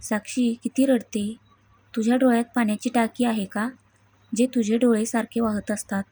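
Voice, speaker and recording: A woman voicing a teasing, quick-tempered young husband in a read-aloud story, in a slightly high, husky voice. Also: steady tone, dark tone, no echo. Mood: irritated.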